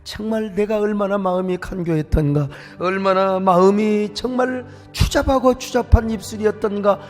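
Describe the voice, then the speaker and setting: A man's voice: sits high, moderate pace. A male pastor preaching a sermon, telling stories with emotion and breaking into song now and then. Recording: echoey church hall, faint music.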